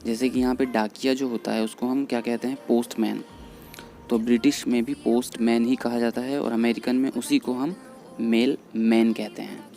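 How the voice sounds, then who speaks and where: A man explaining English vocabulary in Hindi, patiently repeating each word slowly. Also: medium pitch, flat delivery, vocal fry, warm tone. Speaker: English teacher. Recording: faint background music under voice. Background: faint background music.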